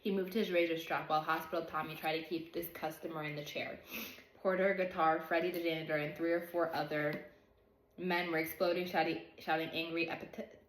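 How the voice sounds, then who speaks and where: A woman's voice: low-pitched, level tone, fairly quick. A woman reading a novel aloud carefully, sometimes stumbling on hard words. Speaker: reader. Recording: roomy echo.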